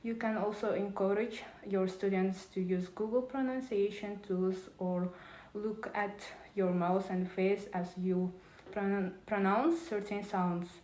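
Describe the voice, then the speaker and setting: Woman, mellow tone, careful reading of a prepared talk, small restarts, echoey room. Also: mid-range voice, fairly even intonation, a little slow.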